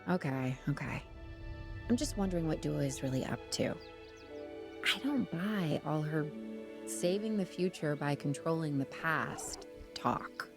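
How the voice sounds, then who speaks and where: A woman's voice: deep voice, animated, unhurried, gravelly, music in the background, heavily acted. An actress voicing a determined, wry woman who runs a dinosaur operation, in video game dialogue. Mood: steady.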